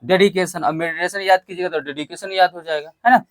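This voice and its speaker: A man's voice: sits high, fairly even intonation, fast talker, no room sound. Man drilling vocabulary with a class. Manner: call-and-response drilling, spells words letter by letter. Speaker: English teacher. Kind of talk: vocabulary lesson.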